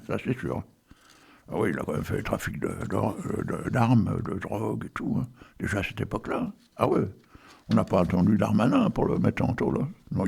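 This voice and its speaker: Older man, very gravelly, husky voice, rambling radio host, chatty asides. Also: mid-range voice. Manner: chatty, digressive, frequent asides and fillers. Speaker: radio host reading poems. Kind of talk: casual rambling radio chat and poetry reading.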